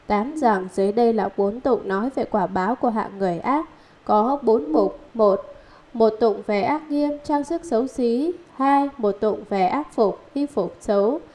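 A woman reading a Buddhist scripture commentary aloud in a measured, steady recitation, listing numbered points. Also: a little high.

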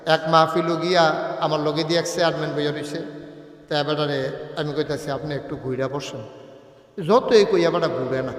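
A man's voice: a little high, fairly bright tone. A man preaching a humorous sermon to a large open-air gathering over a public-address mic, mixing joking asides with sing-song chanting and call-and-response. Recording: echoey hall with long reverb.

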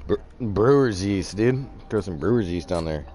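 A man's voice: low-pitched, lively intonation, moderate pace, warm tone, slight background noise. A man co-hosting a gaming channel in casual chat, laid-back and terse.

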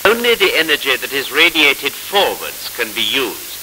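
A man narrating a 1940s instructional film in a formal, measured, explanatory manner, on a scratchy old film soundtrack. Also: medium pitch, big pitch swings, bright, forceful tone.

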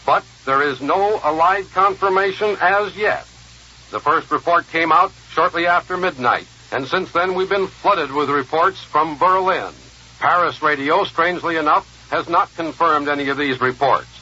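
Old 1940s radio news guy, husky but sharp, muffled lo-fi archive sound, formal urgent bulletin reading. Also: on the high side, normal speed. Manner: formal, urgent newsroom delivery. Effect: old 1940s radio broadcast sound. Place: radio newsroom studio.

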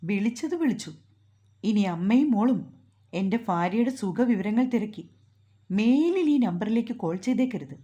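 A woman's voice: mid-range voice, animated, moderate pace, warm tone, close to an everyday voice. A woman voicing a stern, short-tempered young husband. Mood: angry. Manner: gruff, scolding, commanding.

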